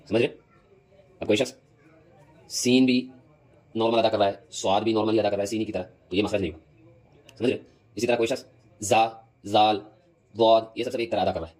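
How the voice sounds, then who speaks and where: A man teaching a lesson on prayer recitation. He explains step by step, repeats his points, keeps asking if he is understood, and recites verses slowly to show correct pronunciation. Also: fairly low pitch, darkish tone, rough recording. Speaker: religious teacher.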